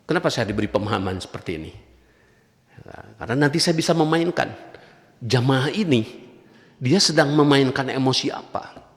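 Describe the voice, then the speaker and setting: A man's voice: mid-range voice, expressive, normal speed, long pauses. A man giving a religious lecture in a conversational way, often adding "ya" and telling anecdotes. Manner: conversational, frequent tag "ya", anecdotes with acted quotes. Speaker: preacher. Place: mosque or study hall. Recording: long hall reverb.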